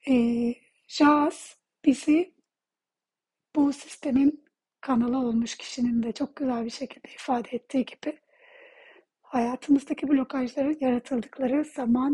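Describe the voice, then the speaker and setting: A woman guides a healing session in a fairly high, soft voice. It is very airy and breathy, close to a whisper at times. She moves gently through short phrases, pausing between them, with a mellow tone. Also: low-quality recording. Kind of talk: guided meditation, soft-spoken.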